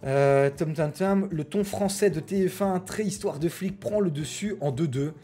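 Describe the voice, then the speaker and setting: A man's voice: on the high side, normal speed, mellow, faint music behind. A man with a French accent hosting a casual live stream, chatty, with many fillers and restarts as he reads out his chat. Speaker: Twitch streamer host.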